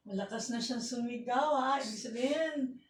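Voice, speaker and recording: A Filipino woman, a family member, making quiet, matter-of-fact remarks in casual chat. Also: a little high, moderate pace. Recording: roomy, distant, faint room noise.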